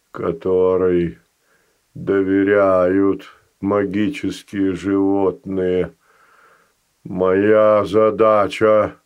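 Give me a deep, hushed ice golem, put on by a male narrator, kind and wise, pausing after nearly every word. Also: smooth, highs cut off, exaggerated voice. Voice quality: faint rustling voice. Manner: slow, halting, pauses between words.

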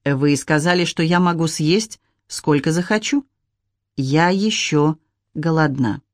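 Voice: mid-range voice, slow, dry recording, studio quality, natural voice. A reader voicing a starving, frantic teenage girl. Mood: desperate. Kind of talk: audiobook narration.

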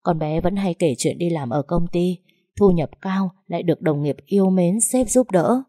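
A woman voicing a quiet, humble older father who talks in a grateful, deferential way. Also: lowish voice, normal speed, no echo, clean studio sound, natural voice.

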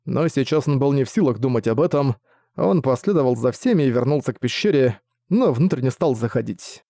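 A man narrating a fantasy novel in a steady, measured storytelling manner. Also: medium pitch, no room sound, studio quality. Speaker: audiobook narrator.

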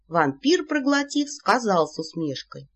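Animated woman reading a storybook. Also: medium pitch, measured pace, breathy edge. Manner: animated, playful. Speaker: audiobook narrator. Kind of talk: expressive audiobook narration. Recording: slightly muffled recording.

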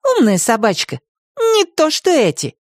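Man doing a high, lively young girl. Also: a little slow, no echo, studio quality, exaggerated voice. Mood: chiding. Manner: soothing and chiding. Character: kind, bossy young girl Katya.

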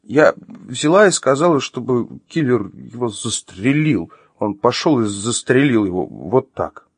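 A man voicing a frightened young woman, shrill, tearful, pleading, high-pitched, audiobook. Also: expressive, unhurried, husky, no echo, exaggerated voice. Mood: frantic. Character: terrified sobbing young woman, ex-wife.

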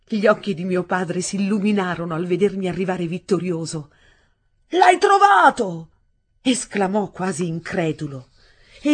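Expressive, husky woman reading a novel. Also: medium pitch. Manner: dramatic and expressive, with swings between loud and hushed. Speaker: audiobook reader. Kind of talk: literary audiobook narration.

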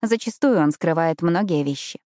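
A woman reading a first-person romance audiobook in an intimate, expressive narrating manner. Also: lowish voice, normal speed, no echo, clean studio sound.

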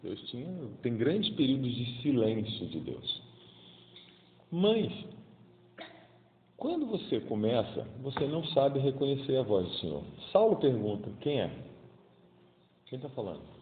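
A man's voice: medium pitch, big pitch swings, a little slow, slight background noise. A man in his fifties with a Carioca accent gives a casual, colloquial daily homily and acts out the voices in the stories he tells. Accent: Carioca Brazilian Portuguese. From Rio de Janeiro, Brazil. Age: 50s. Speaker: preacher. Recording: tinny, echoey hall sound.

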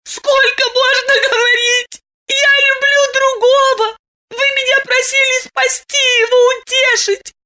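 A woman voicing a naive young village girl who shouts through her tears in a hysterical rage. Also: extremely high pitch, pitched above the performer's own voice, full character voice. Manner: shouting, tearful, breaking into sobs.

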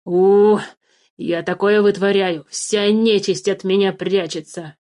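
A woman voicing a sly, greedy male dwarf who guards cave treasure, with a wheedling, drawn-out manner, in a storybook reading. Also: medium pitch, fairly even intonation, dark tone, natural voice. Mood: mocking.

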